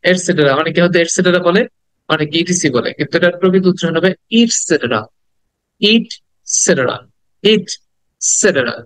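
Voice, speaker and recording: A man teaching English pronunciation in an online lesson, repeating each word slowly and carefully between quick explanations. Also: high-pitched, clear, resonant tone, no echo, poor audio. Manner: slow careful repetition of model words, quick explaining asides.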